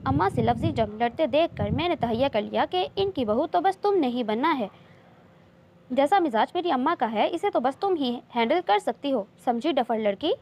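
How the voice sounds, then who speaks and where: A woman's voice: sits high, expressive, moderate pace, a little mellow. A woman reading a teasing, loving young man. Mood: teasing, tender. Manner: playful, coaxing, insistent. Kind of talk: romance novel reading.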